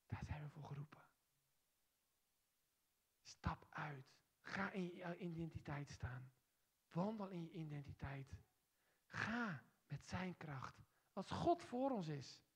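A woman preaching a sermon in a church, speaking emphatically and pushing hard on key phrases, then turning quiet and soft as she leads a prayer. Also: medium pitch, husky.

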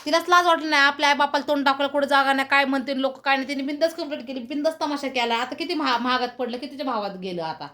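A woman vlogger with a high, piping voice pours out bitter complaints in a family argument. She scolds and circles back to the same grievance, her tone sharp with resentment. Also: steady tone, very fast, few pauses. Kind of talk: angry family quarrel.

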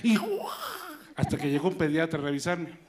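A man's voice: on the high side, moderate pace, heavy background noise. A man with a Mexican accent doing stand-up comedy, chatting and joking with his audience. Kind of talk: stand-up comedy with crowd banter. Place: stage in front of an audience. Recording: live show with loud crowd and music.

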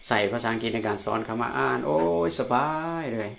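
A man with a Lao accent teaching a recorded pinyin lesson, slowly repeating syllables for learners. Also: mid-range voice, fairly even intonation, vocal fry, fairly bright tone, a little hiss or hum. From Laos. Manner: drills syllables slowly by repetition. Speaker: Chinese language teacher.

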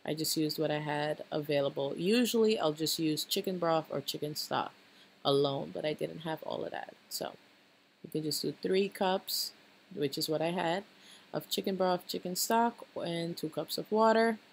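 Low-pitched female cooking host, patient step-by-step recipe voice-over. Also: normal speed, gravelly, slight background noise. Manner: instructive, repeats tips with a checking "okay?".

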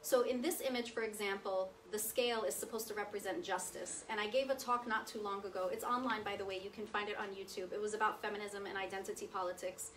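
A woman in her thirties, seated at a table, speaks as a guest giving a chatty personal testimony in a meeting room with a projector screen, frequently checking in with her listeners. Her mid-range, slightly bright voice keeps fairly even intonation at a quick pace with hardly any pauses. The far-camera recording sounds distant and roomy from across the room, with a little hiss or hum.

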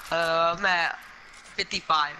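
Bright-toned teasing gamer guy. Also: fairly high pitch, fairly even intonation, takes it slowly, slight background noise. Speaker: gamer opponent in a 1v1 match. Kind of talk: casual gaming voice chat.

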